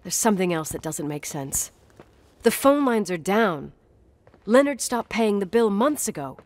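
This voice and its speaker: A woman's voice: mid-range voice, very animated, measured pace. An actress playing a blunt, defensive young woman who swears and answers curtly, in video game dialogue. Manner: curt and swearing.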